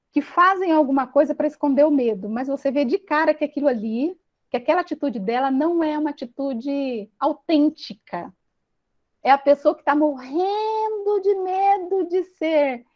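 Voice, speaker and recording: This self-help speaker, a Brazilian woman with a high voice and Brazilian Portuguese accent, shares a personal teaching talk with an audience in an earnest, confessional way, restarting and pausing tenderly. The recording's high frequencies are cut off.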